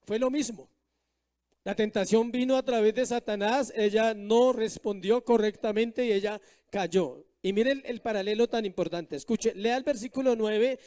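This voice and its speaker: High-voiced male pastor preaching a sermon. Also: normal speed, mellow. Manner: preaching with rhetorical questions to the congregation; reads scripture verses aloud.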